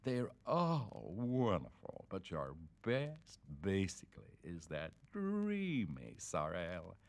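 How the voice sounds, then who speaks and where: A man's voice: low-pitched, wildly swooping pitch, takes it slowly, creaky, heavily acted. A Welsh man on a spoken-word record voicing a plump, wealthy businessman's wife who fawns over a visiting author. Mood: gushing.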